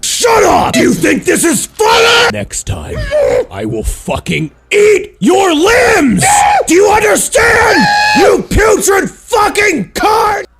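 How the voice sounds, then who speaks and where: A man's voice: extremely high pitch, huge pitch swings, takes it slowly, fairly bright tone, raised voice, a faint crowd, voice pushed up, full character voice. A man voicing an unhinged, furious male figure who screams threats, shrieking at full force away from the mic. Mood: enraged.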